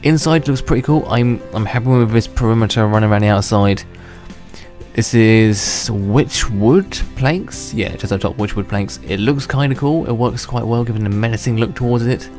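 A young man runs a gaming channel, speaking at a normal pace in a slightly mellow, medium-pitched voice as he rambles casually through his gameplay. He chuckles to himself and restarts sentences, sounding a touch worn from sickness, over faint background music.

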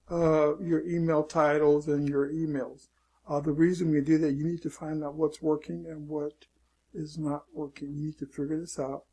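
A man's voice: on the high side, a little mellow, husky. A man teaching an online marketing lesson in a loose, casual way, often saying "okay" and repeating his warnings. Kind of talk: casual screen-share tutorial.

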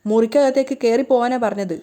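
A woman's voice: on the high side, fast talker, dark tone, close to an everyday voice. A woman voicing a scolding angry mother. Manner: scolding, commanding. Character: angry middle-aged mother, sharp-tongued, protective.

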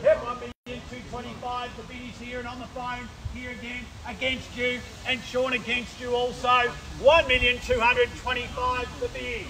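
A man's voice: extremely high pitch, normal speed, few pauses. A middle-aged man working as an auctioneer outdoors, calling out bids, repeating the figure and pressing the buyers to bid. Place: outdoors on a suburban street lawn with a crowd. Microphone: far camera, no mic. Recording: distant voice, loud outdoor noise.

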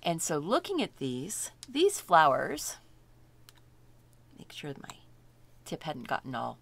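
A middle-aged woman leads a painting lesson at an unhurried pace. Her pitch sits on the low side but swings widely, and she chats and thinks aloud as she works. She cheerfully admires her own progress along the way. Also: wildly swooping pitch, gravelly, dry recording. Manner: chatty, self-delighted, thinking aloud while working. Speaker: art instructor.

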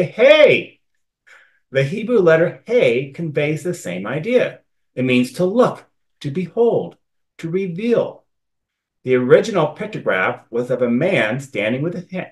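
Male Bible teacher, mid-pitched voice, reads scripture, then explains it conversationally. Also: poor audio. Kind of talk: scripture study presentation.

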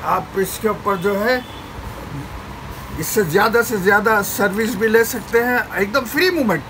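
An older man selling fishing reels from his shop counter, repeating model names in a persuasive sales pitch. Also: measured pace, noisy background. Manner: repetitive, persuasive salesman patter, urging viewers to buy. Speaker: fishing tackle shop seller. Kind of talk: product showcase sales pitch. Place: small shop packed with shelves, indoors.

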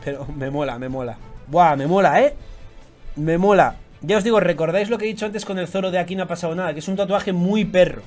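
A young man with a Spanish accent from Spain, giving casual, slangy reaction commentary with loud excited outbursts. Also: sits high, racing, hardly any pauses, soft background music. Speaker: YouTuber reviewing fan tattoos.

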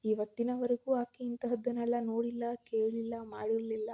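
A woman storyteller reading a scripted story in a steady, measured way. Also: fairly high pitch.

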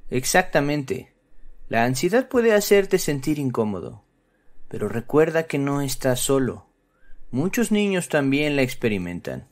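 Man, medium pitch, swooping intonation, scripted kids' narration, instructive, direct address. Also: very animated, a little slow. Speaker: presenter of a children's psychology channel.

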